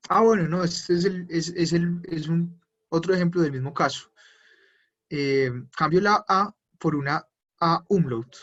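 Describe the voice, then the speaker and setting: A husky, fairly high-voiced man, teaching German grammar step by step to a class. The sound is dull and muffled. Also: a little slow, a bit bright. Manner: explains step by step, switching between Spanish and German drills. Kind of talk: online class explanation.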